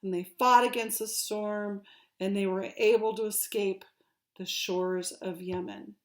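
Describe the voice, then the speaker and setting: A young woman retelling a story she just heard, halting and careful, growing louder at the dramatic parts. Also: medium pitch, fairly even intonation. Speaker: student in a telephone game.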